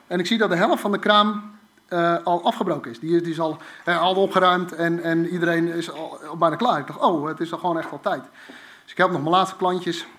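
Man, high voice, chatty storyteller who stumbles and restarts. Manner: animated, halting, many fillers and restarts. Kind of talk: casual spoken anecdote.

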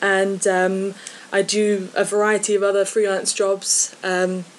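An Englishwoman from the Midlands talks about films in a loose, casual way. She pauses often and fills the gaps with small filler words. Her pitch sits in the middle range. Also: little pitch movement, a little hiss or hum. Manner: hesitant, many fillers. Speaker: podcast guest, film journalist. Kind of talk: casual chat.

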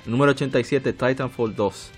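A man's voice: mid-range voice, a little fast, slightly rough, faint music behind. Chatty man reading out a game list. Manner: animated, reads out list entries. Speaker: podcast co-host. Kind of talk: casual chat about video game rankings.

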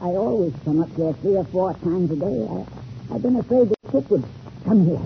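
An actor playing a gruff, wary old sailor with hesitant rustic speech in a 1930s radio adventure serial. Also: male voice, sits high, a little fast. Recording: muffled, tinny, noisy old radio recording.

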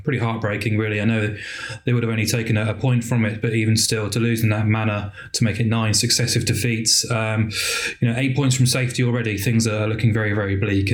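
Flat-voiced football pundit. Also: male voice, fairly low pitch. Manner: measured, repeating words as he builds points. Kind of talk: casual podcast analysis.

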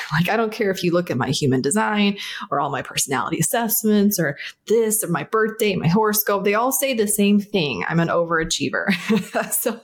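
A woman with a fairly low voice talks as a podcast guest. She is animated and candid, and she laughs often as she tells her story. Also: breathy edge. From South Florida, United States. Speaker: guest, agency founder. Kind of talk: casual podcast interview.

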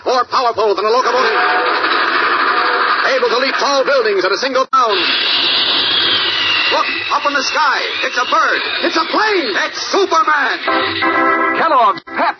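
A man's voice: very high-pitched, animated, normal speed, long pauses. A man proclaiming a show introduction as a 1940s radio announcer, bold and theatrical. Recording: dull vintage radio, loud organ music.

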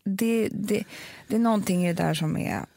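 A mother in a casual, emotional conversation, talking haltingly and repeating words when she gets upset. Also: mid-range voice, gravelly, dark tone, dry recording. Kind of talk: casual chat.

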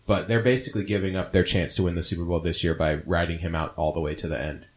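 Brief: man, low voice, casual opinionated sports host, rambling delivery. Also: fairly even intonation, fast talker. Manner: rambling, opinionated, frequent fillers. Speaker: podcast host.

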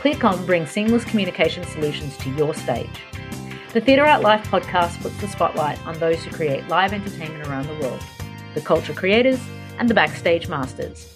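A woman with a lowish voice reads a polished podcast intro and sponsor message. Clear music plays behind her. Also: lively intonation, moderate pace. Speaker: podcast host. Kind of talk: scripted intro with sponsor read.

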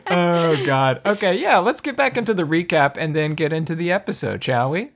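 A man's voice: fairly high pitch, animated, fairly bright tone. A man in his thirties hosting a tabletop game podcast over a video call, joking and self-mocking as he introduces his friends. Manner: playful, self-mocking, quick asides. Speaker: game master and podcast host. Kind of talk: casual chat among friends. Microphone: home mic over video call.

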